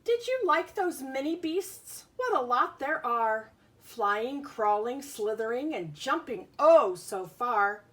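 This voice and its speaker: A woman reads a picture book to young children in a slow, sing-song voice that sits high and is fairly bright. Along the way she explains simply, asks questions, and carefully emphasizes letters and words as she sounds them out.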